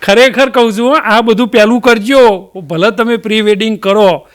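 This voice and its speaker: High-voiced Mehsana Gujarati comedian. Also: male voice, normal speed, a bit bright, some chatter behind, slight background noise. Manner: folksy, chatty storytelling with dialect fillers. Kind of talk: stand-up jokes.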